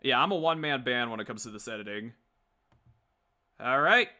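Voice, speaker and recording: Talking at a slightly quick clip, the streamer sounds animated, with a medium-pitched, sharp-edged voice. He is a livestream host and comic dub creator, rambling casually to viewers while joking and swearing a lot.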